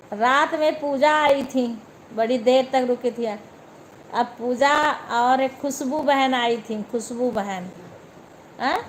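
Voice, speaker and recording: A young woman with an Awadhi accent chats casually on a live stream into her phone. Her voice sits a little high, and she takes her time, speaking to viewers one by one with faint noise behind her. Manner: chatty, talks straight to viewers by name.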